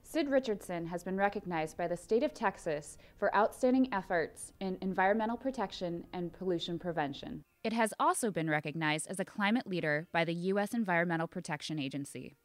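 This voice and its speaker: Lower-pitched woman narrating a corporate promo. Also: brisk, few pauses, no echo. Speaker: infomercial narrator.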